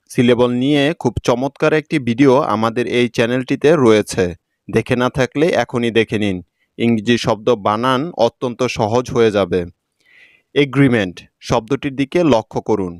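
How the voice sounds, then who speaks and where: Male tutor, patient and methodical, smooth resonant tone, dry close-miked sound. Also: mid-range voice, no echo. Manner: patient, spells words out letter by letter. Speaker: English teacher. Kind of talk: scripted lesson narration.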